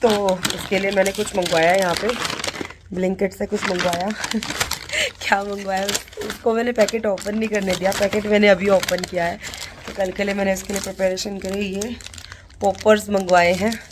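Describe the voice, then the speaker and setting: A woman's voice: medium pitch, steady tone, normal speed, noisy background. A woman filming a casual family vlog at home at night. She chats to her phone camera about her family, slips English phrases into her talk, and keeps her voice down to hide a surprise. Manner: chatty, mixes English phrases into Hindi; talks quietly to keep a surprise secret. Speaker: family vlogger and mother.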